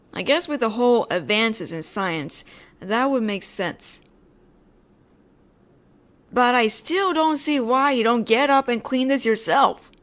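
In an audio roleplay, a woman with a fairly bright, high-leaning voice voices a judgemental tsundere female ghost, heavily acted. Speaking directly to the listener, she is sarcastic and nagging but secretly caring.

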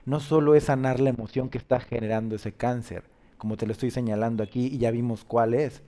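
A man's voice: mid-range voice, steady tone, fairly quick, warm tone. A man, a host counseling a caller on spiritual matters, pressing his points with insistent rhetorical questions. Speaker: host giving spiritual guidance.

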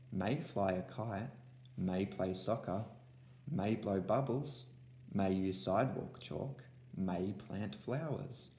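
A man's voice: deep voice, warm tone, roomy sound, a little hiss or hum. A young man teaching an online lesson to young pupils from home, explaining step by step into a laptop webcam. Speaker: primary school teacher. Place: room at home.

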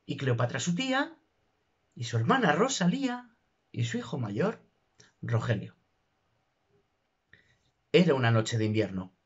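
A man recites comic verse with theatrical drama, slow and declamatory. His husky voice sits fairly high and swoops widely. The recording is dull and muffled. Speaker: narrator.

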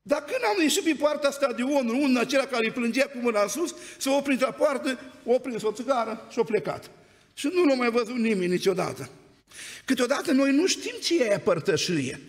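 A man's voice: very high voice, expressive. A man preaching a sermon in a church, telling stories in a conversational way and often prompting the congregation with "amen?". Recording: long church hall reverb.

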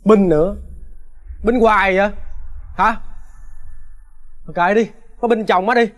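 A man's voice: high voice, steady tone, unhurried, a bit bright. An actor with a Southern Vietnamese accent playing a young adult son who talks bluntly and resents his violent father. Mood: resentful.

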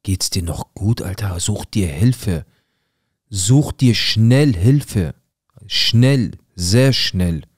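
A man's voice: low-pitched, measured pace, long pauses, breathy edge, no room sound, clean studio sound, heavily acted. A man voicing his exasperated father, incredulous and rising into outrage, in a true story. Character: exasperated father, middle-aged man, fed up.

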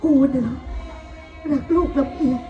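A woman's voice: measured pace, lo-fi sound, lightly acted. A woman playing a fierce, protective mother in live folk theater, scolding with passion and close to tears. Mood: grieving. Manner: impassioned, scolding, near tears. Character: fierce grieving mother, protective of her son. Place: outdoor temple fair stage. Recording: echoey stage with loud music and crowd.

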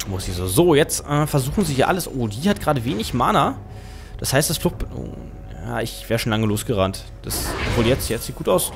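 With music playing beneath him, a young German-accented game caster commentates a match live in a mid-range voice, with slight background noise. His casual commentary has him thinking out loud and correcting himself along the way.

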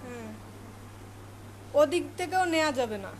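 A woman's voice: sits high, expressive, measured pace, a little mellow. A woman at home at night, scolding and coaxing her pet in baby talk. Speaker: pet owner. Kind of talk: home video, talking to a pet. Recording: noisy home recording with dog sounds. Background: dog barking and whining.

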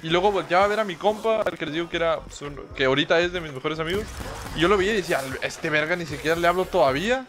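A man's voice: fairly high pitch, rapid-fire, fairly bright tone, soft background music. Slangy young Mexican man rambling. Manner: rambling, slangy and profane, peppered with fillers. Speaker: streamer. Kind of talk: casual storytelling to a live chat.

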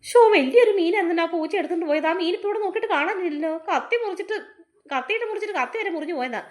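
Very high-voiced, rapid woman. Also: expressive. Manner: exclaiming, fretful, scolding. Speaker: mother in a family skit. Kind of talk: family comedy skit acting.

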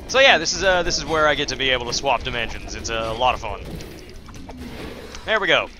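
A man's voice: mid-range voice, expressive, fairly quick, noisy background. A man giving casual, rambling commentary while playing a video game, full of fillers and self-deprecating asides. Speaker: let's play host.

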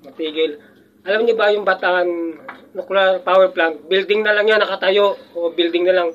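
An older man with a high-pitched voice talks casually, rambling with frequent restarts and chuckles. The audio is muffled and lo-fi. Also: fairly even intonation, moderate pace, a bit bright, slight background noise. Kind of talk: casual chat.

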